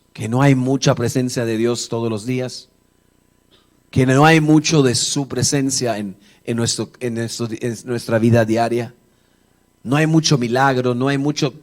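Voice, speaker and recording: A male pastor preaching a sermon in church. He talks in a conversational, joking way and tells the story with animation, acting out the dialogue. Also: medium pitch. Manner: conversational, jokes with the congregation. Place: church service before a congregation.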